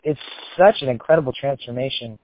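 A man's voice: medium pitch, a little fast, no room sound. A man hosting a casual chat, talking bluntly and animatedly with frequent swearing. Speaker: podcast host. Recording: tinny phone-like line, dry.

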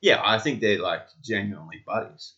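A man's voice: on the low side, lively intonation, moderate pace, pushed and bright. A man talking casually as a podcast co-host. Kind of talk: casual chat. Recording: dull, lo-fi sound.

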